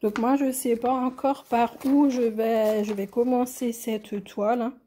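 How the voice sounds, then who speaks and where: A French woman vlogger talks slowly through a craft unboxing, her voice a little high yet mellow and dark. She gushes with enthusiasm and often sinks to a soft near whisper. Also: steady tone. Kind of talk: casual unboxing chat.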